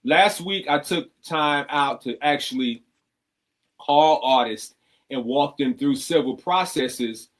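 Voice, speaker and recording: A man hosting a radio talk show, chatting casually, telling stories with lively acted-out quotes and giving advice to artists. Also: fairly high pitch, slow pace. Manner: animated storyteller, acts out quotes in a raised voice; preachy, advising artists.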